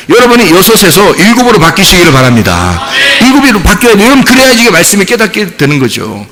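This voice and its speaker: A male pastor preaching an evening sermon in a church, telling a personal story and dropping his voice low and soft whenever he quotes a prayer or God's answer. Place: church sanctuary. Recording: long hall reverb.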